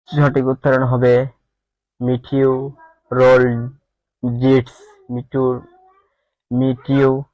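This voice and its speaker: A man's voice: medium pitch, no echo, highs cut off. A man with a Bangladeshi accent teaching exam prep, reading quiz questions aloud and muttering answers to himself, repeating words as he thinks.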